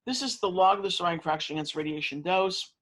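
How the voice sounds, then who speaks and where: A man's voice: high-pitched, fairly bright tone, poor audio. A man lecturing to students, talking through methods with frequent fillers and restarts. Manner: halting, many fillers and restarts. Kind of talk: university lecture.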